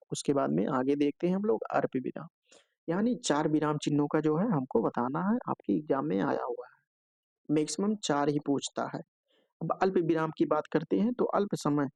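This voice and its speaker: Male tutor, gravelly and a bit high, methodical exam-prep lecture, dry close mic. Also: darkish tone, dry recording, dull audio. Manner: explanatory, repeats filler "jo hai" often; checks in with "theek hai" between points. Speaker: teacher.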